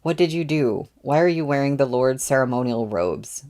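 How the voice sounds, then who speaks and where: A man reading aloud, voicing a flustered, gossipy male housekeeper who scolds with rapid-fire questions. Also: medium pitch, expressive, a little mellow, natural voice. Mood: scolding, alarmed. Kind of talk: audiobook readalong.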